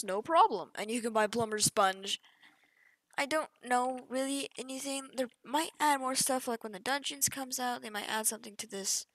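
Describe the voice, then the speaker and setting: Poor, dry audio captures a young female gaming YouTuber casually narrating a game update over screen capture. Her voice is a little high and slightly bright. She keeps it offhand and chatty, often drifting off before finishing a sentence, in a casual walkthrough.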